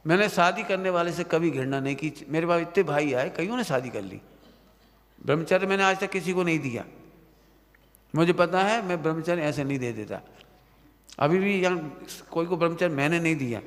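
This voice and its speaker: A man's voice: on the high side, a bit bright. A man giving a stern Hindi religious discourse to students, often checking whether they have understood. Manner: stern, admonishing, asks listeners if they understood. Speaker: Jain preacher. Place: hall of a Jain study centre, at night. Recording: long hall reverb.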